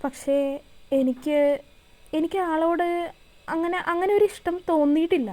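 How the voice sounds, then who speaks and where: A woman voicing a tearful young woman who talks hesitantly, halting and repeating her words. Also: very high-pitched, a little mellow.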